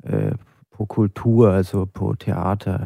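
A man from Germany with a German accent, an interview guest who works as a conductor, speaking in a measured way with fillers. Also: sits low, very animated, vocal fry, dark tone, dry recording, studio quality. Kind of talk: casual interview chat.

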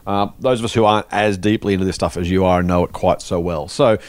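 Man, podcast co-host, rapid delivery, dry close sound. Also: sits low, fairly even intonation, dry recording. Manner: quick, blunt, joking. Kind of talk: casual chat.

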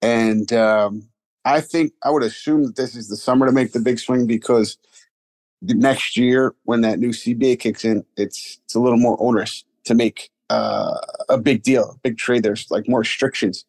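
A man in casual sports talk who reports in a measured way on what his sources say. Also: medium pitch, expressive, darkish tone, no room sound, rough recording.

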